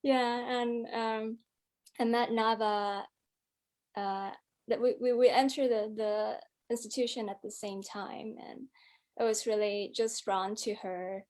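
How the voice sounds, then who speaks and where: A woman's voice: fairly high pitch, fairly even intonation, slow, a little mellow. A woman from Hong Kong, a guest musician in an interview, speaking reflectively and filling her talk with "um" and "like". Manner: reflective, many fillers, hedging "like" and "um".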